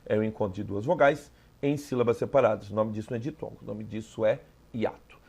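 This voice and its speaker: Gravelly-voiced Brazilian man teaching. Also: on the low side, fairly even intonation, fast talker, darkish tone. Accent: Brazilian Portuguese. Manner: explanatory, frequent "tá?" checks. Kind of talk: exam review lesson.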